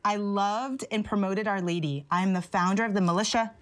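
A young woman hosting a casual show and running a quiz game, bubbly and quick to laugh. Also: mid-range voice, slight background noise. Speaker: host.

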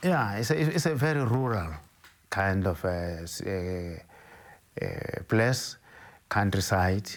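The interviewee is a bishop, a middle-aged man from Zimbabwe with Ndebele as his first language. His voice sits low, and his answers come haltingly, full of restarts.

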